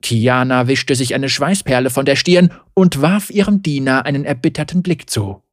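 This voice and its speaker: A woman narrating a fantasy audiobook in expressive storytelling style. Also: very deep voice, normal speed, no echo, clean studio sound.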